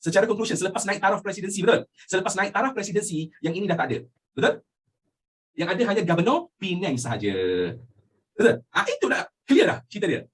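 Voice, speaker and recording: Animated Malaysian male history teacher. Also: sits high, quick pace, slightly rough. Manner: animated, asks students questions constantly, mixes in English phrases. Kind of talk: lively classroom lecture.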